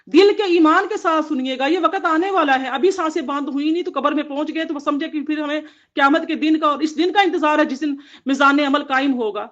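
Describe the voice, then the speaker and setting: A woman giving an earnest devotional Quran commentary to women, exhorting them in repeated phrases. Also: high voice. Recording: dull lo-fi audio.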